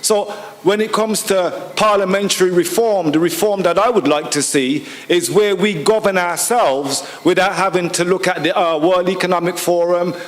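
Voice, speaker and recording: A man with a high voice stands up at a public hearing and argues with conviction, piling rhetorical questions on top of one another. His voice carries a long reverb from the large hall. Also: steady tone, moderate pace, few pauses. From United Kingdom. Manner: forceful, rhetorical, repeats points with questions. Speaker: audience member at a public hearing. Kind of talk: impassioned public comment.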